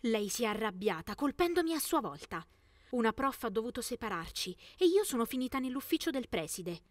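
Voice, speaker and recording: A young woman narrates a first-person teen story for an animation. Her voice sits a little high, and she enunciates clearly with expressive delivery. The recording is dry and close, with little room sound. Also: fairly quick, no echo.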